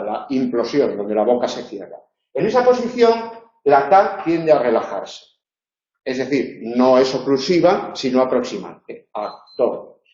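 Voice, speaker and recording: A man with a northern Spain Spanish accent and a mid-range, slightly mellow voice works as a university tutor, explaining phonetics and demonstrating sounds. He often checks in with his listeners, and the lecture recording is roomy, dull and lo-fi.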